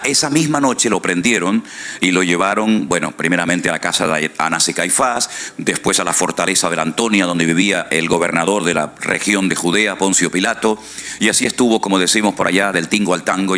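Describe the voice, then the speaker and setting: Predicador de voz muy grave. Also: male voice, sits low, bright, forceful tone. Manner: conversational preaching with frequent tag questions. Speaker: pastor. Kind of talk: sermon.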